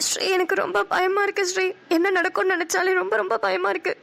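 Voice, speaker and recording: A woman's voice: very high-pitched, level tone, fast, creaky, fairly bright tone, exaggerated voice. A woman voicing an anxious, heartbroken young mother in a cartoon, crying and pleading. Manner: tearful, pleading.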